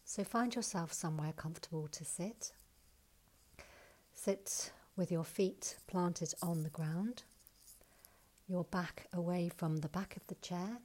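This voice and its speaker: A woman leading a guided breathing exercise, counting breaths and giving calm, soft instructions, sometimes close to a whisper. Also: lowish voice. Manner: slow soothing counting instructions.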